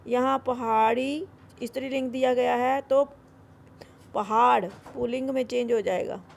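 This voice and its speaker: A woman's voice: a little high, fairly even intonation, gravelly. A woman teaching a Hindi grammar worksheet, repeating each word and drilling its correct form, with English words mixed in. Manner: repeats words slowly, then drills them. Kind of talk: explaining a school grammar worksheet.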